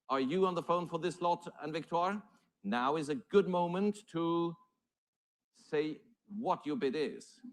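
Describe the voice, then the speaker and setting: A man working as an auctioneer, calling numbers and bids live in formal, courteous patter. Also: a little high.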